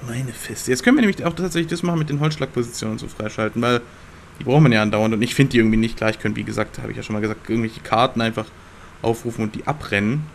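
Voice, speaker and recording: Young guy for let's-play commentary, slangy and excitable, mid-pitched, faint hiss behind him. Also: racing, vocal fry. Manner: slangy, excitable, talks to the game characters. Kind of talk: casual gameplay commentary.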